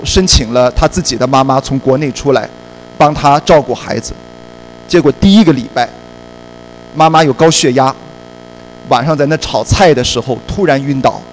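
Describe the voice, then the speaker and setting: A male preacher telling a personal story in a sermon, in a lively storytelling way and slipping English words into his speech. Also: a little high, a little hiss or hum, poor audio.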